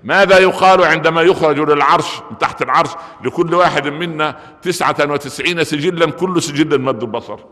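A man's voice: fairly high pitch, fairly quick, hardly any pauses, fairly bright tone. A man with an Egyptian accent preaching a Friday sermon, joking and firing off rhetorical questions. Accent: Egyptian Arabic. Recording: long reverb of a large hall.

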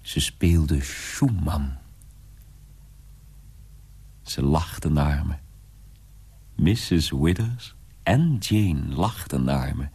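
A man's voice: rumbling low, lively intonation, drawn-out words, vocal fry, pauses often, a little mellow, breathy edge, exaggerated voice. An actor playing a young son in a radio drama, confiding in his mother in a wondering, often whispered way. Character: young man telling his mother of a strange household.

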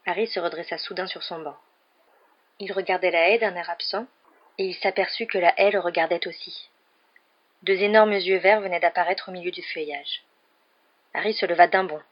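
Audiobook narrator, woman, lowish voice, measured, lo-fi sound. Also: steady tone. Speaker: audiobook reader. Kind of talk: storybook narration. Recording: dull lo-fi recording.

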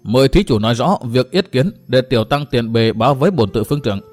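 A man's voice: mid-range voice, expressive, fast, a little mellow, soft background music, lightly acted. A man voicing a stern old monk who guards a temple gate, formal and grave.

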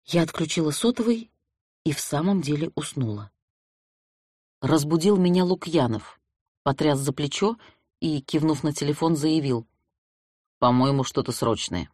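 An audiobook narrator telling a detective story in the first person, with a wry, lively delivery. The voice sits at a middling pitch and the recording is dry and close, with no room at all. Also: normal speed, long pauses, no echo.

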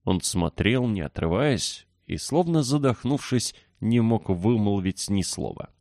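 A man narrating a children's novel as an audiobook, reading in a steady, expressive way. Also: lowish voice, unhurried, gravelly, no room sound, studio quality. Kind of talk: scripted narration.

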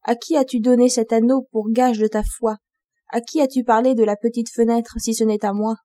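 A woman's voice: on the high side, steady tone, moderate pace, mellow, no echo, close to an everyday voice. A woman reading as a spoiled, scornful princess. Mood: reproachful. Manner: reproachful and insulting. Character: ugly spoiled young princess, angry and scornful.

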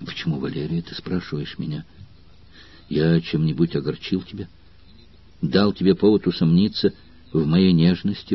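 A man's voice: low-pitched, breathy edge, highs cut off. A man reading as Spartacus, a tormented gladiator. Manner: earnest, trembling with emotion.

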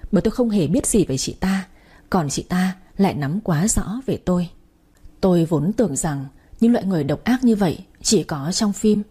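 A woman's voice: lowish voice, mellow, slightly rough. A woman narrating a first-person dramatic story with emotional delivery.

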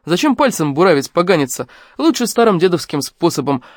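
A coarse male village thug from a storybook, gruff and mocking, muttering his crude orders, as a woman reader puts him on. The sound is dry and close to the mic. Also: lowish voice, very animated, a little fast, darkish tone, no room sound.

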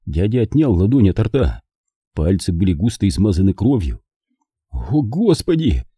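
A man narrating an audiobook as a measured, dramatic reading on a close studio mic. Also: sits low, very animated, warm tone, husky, no room sound. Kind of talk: scripted narration.

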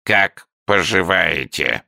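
A man putting on a creaky, courteous talking salamander. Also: low voice, animated, pushed and bright, no echo, studio quality, voice pushed up, heavily acted. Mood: polite. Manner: slow, drawn-out, syllable-by-syllable speech. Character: creaky-voiced talking salamander, slow and polite.

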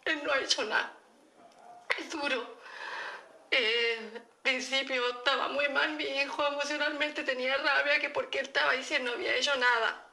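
A woman's voice: sits high, bright, forceful tone, reverberant. A middle-aged woman with a Chilean accent gives an earnest, emphatic personal testimony in an interview, repeating herself as she recounts events. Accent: Chilean Spanish. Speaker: interviewee, mother of an accused teen.

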